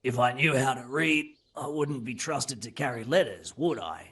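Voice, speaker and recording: An actor playing a captured brigand under interrogation in a game, sardonic and evasive. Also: male voice, medium pitch, moderate pace, a bit bright. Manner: sardonic, evasive, rough-spoken.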